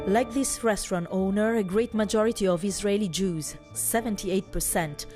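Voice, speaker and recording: A woman's voice: medium pitch, normal speed, dark tone, faint music behind. A woman reporter reading a scripted news voice-over.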